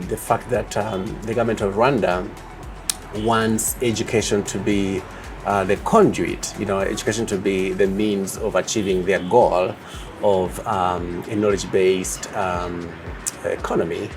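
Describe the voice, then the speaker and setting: Low-voiced man from Uganda, measured. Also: little pitch movement, over music. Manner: measured, hesitant with many fillers. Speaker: project leader. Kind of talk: interview answers.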